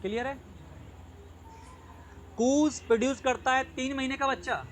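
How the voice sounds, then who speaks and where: A man's voice: very high-pitched, steady tone, normal speed, a little hiss or hum, low-quality recording. A man teaching a lesson, repeating key points and often checking if his students follow, mixing English terms into his speech. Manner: repetitive, drilling, checks understanding often. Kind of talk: online lecture.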